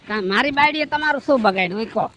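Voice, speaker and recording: A man's voice: extremely high pitch, animated, racing, background noise. A man playing a meek nephew who does the housework and complains about his wife in a comedy skit. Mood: complaining.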